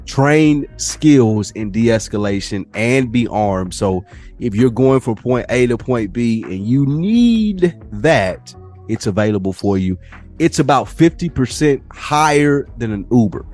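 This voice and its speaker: A young man co-hosts a podcast, telling stories in a casual, animated way and imitating people with higher voices. He speaks a little slowly over soft background music, in a relaxed chat.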